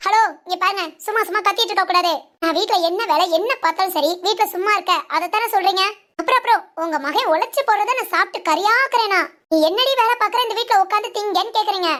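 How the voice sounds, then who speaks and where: A sharp-tongued young wife from a family cartoon, performed by a woman. She refuses to back down and answers every charge firmly. Her voice is very high and her words come fast. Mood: defiant. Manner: defiant, firm, talks back. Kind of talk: animated family cartoon dub.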